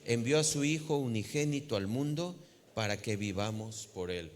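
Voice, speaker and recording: Mexican pastor preaching to a congregation, mid-pitched, with a long hall echo. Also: male voice, expressive, moderate pace. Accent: Mexican Spanish. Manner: preaching and teaching, asking the congregation questions. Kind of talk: sermon. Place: church. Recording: long hall reverb of a church.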